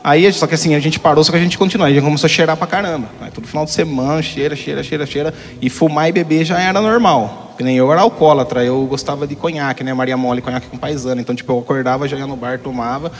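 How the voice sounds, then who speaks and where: A man's voice: fairly high pitch, fairly even intonation, quick pace, hardly any pauses. A young man telling his own testimony frankly, rambling, with frequent tag questions. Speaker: guest giving a testimony. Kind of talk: candid personal testimony. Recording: hall reverb.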